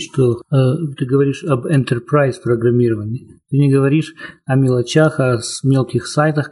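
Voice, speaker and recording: A man's voice: medium pitch, dark tone, slightly rough. A man in a technical discussion who questions and pushes back on a colleague's claims. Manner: challenging, questioning.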